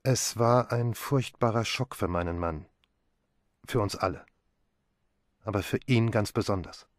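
A man voicing a calm, composed woman who speaks quietly and steadily. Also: low voice, a little slow, dry recording, clean studio sound.

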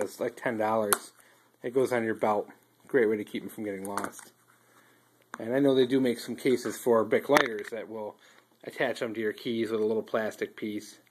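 A man casually reviewing outdoor fire starters, talking in a relaxed, rambling way with many ums and restarts, recorded on a phone he holds while filming a tabletop indoors. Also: on the low side, noisy background. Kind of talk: casual show-and-tell review. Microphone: handheld phone filming table close up.

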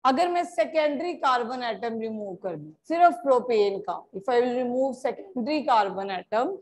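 A woman's voice: fairly high pitch, expressive. A woman from India teaching a chemistry class, switching between Hindi and English, calling her students "beta" and checking often that they follow. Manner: slow, deliberate explanation. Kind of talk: classroom lecture.

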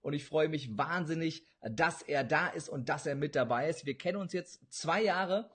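A man's voice: fairly high pitch, normal speed, a bit bright, breathy edge. A young man hosting a podcast interview over a video call, eager and effusive. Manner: eager, effusive, laughs often. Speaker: podcast host. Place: indoor room with bookshelves, video call.

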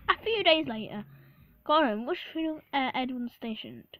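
A woman reading a children's storybook aloud, halting with fillers and slips. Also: high-pitched, lively intonation, a bit bright, poor audio. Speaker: storybook reader. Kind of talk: reading a picture book aloud.

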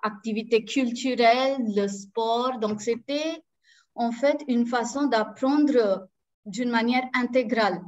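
A Sanskrit teacher in her thirties from India, whose mother tongue is Marathi, talks slowly in a fairly high voice with an Indian accent. She's a guest in a casual interview over a video call, frequently hesitating with fillers and restarts. She's in a small room indoors, and the audio is dull and lo-fi.

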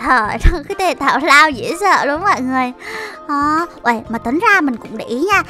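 A woman's voice: high voice, animated, brisk, pushed and bright, faint music behind. A woman hosting a Minecraft role-play, exclaiming constantly and bossing a partner in a mock-regal tone while talking to viewers. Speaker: host.

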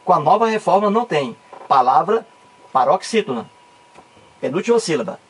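A man's voice: a little high, big pitch swings, normal speed, a bit bright, husky. A man with a Cearense accent from northeastern Brazil, explaining a grammar lesson with lots of emphatic repetition. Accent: Cearense Brazilian Portuguese. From Ceará, Brazil. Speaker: teacher.

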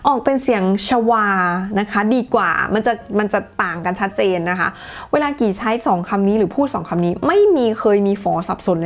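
Chatty woman teaching pronunciation. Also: mid-range voice. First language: Thai. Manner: chatty, models words slowly and clearly. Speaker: English teacher. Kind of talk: casual pronunciation lesson.

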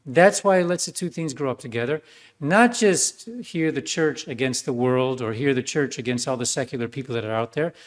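Earnest priest giving a sermon. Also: male voice, medium pitch, a little fast. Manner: earnest, with fillers and restarts.

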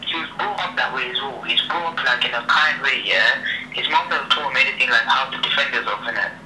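Over a noisy, echoey speakerphone held up in a room, a young man chats quickly in a mid-range voice that's bright and forceful. He's casual and slangy, repeats himself a lot, and tags his sentences with "yeah" and "innit".

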